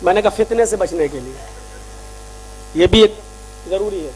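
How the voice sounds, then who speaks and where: A man giving a sermon and telling a story, acting out both sides of a conversation and rising to shouts. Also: sits high, expressive, moderate pace, soft background music. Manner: impassioned, acts out dialogues, rises to shouting. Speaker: preacher.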